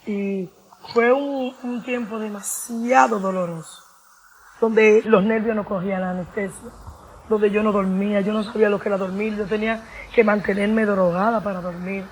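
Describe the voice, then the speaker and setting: A woman tells her personal testimony with deep feeling. She talks earnestly, circles back over her phrases and acts out the voices of the people in her story. A faint hiss sits under the recording. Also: steady tone, normal speed. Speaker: guest giving a testimony.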